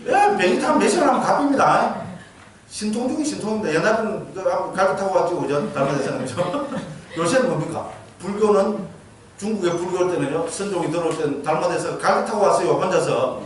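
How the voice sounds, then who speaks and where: Gyeongsang-accented monk lecturing in an echoey hall. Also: male voice, high voice, expressive, quick pace, distant mic, crowd noise. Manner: asks the audience questions, frequent 'geujyo?' checks. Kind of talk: dharma lecture.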